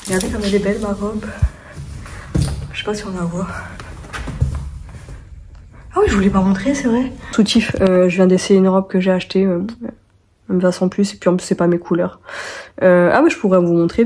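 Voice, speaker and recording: Young woman, casual vlog talk, candid, rambling, phone camera, faint background noise. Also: medium pitch. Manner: candid, rambling, many fillers and restarts. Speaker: vlogger. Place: walking around town, outdoors and at home.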